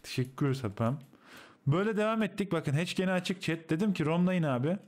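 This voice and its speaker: A man's voice: fairly high pitch, quick pace. A man streaming and explaining a game replay to his teammates, coaching in a casual, slangy way. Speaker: streamer analyzing a match replay.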